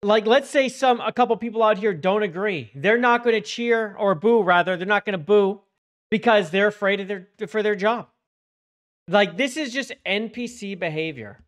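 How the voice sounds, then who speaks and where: A man's voice: sits high, moderate pace, fairly bright tone. A man reacts in casual, off-the-cuff commentary. He is openly opinionated and scoffs at what he is responding to.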